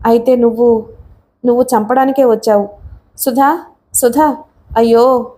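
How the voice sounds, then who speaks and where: A woman's voice: fairly high pitch, steady tone, a little slow, mellow, close to an everyday voice. A woman voicing a frail, cowering old man who pleads in a faltering voice and then shrieks in panic, in a storybook reading. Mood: panicked.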